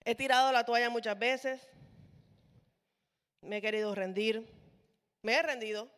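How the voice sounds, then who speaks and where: A woman's voice: fairly high pitch, fairly even intonation, unhurried, a bit bright. A woman preaching a sermon in a church hall. She speaks with passion and builds to emphatic rhetorical questions. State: sweaty, toweling off. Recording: long reverb of a large hall.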